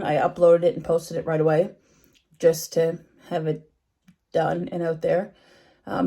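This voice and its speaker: A woman's voice: on the low side, a little mellow. A woman vlogger talking casually to her viewers, chatty and rambling with frequent ums. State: sleepy, yawning. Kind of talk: casual vlog chat.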